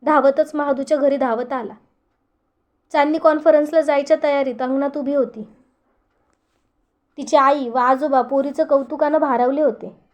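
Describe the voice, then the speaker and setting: A woman storyteller giving a steady, earnest scripted narration of a short story. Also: high-pitched, normal speed, pauses often.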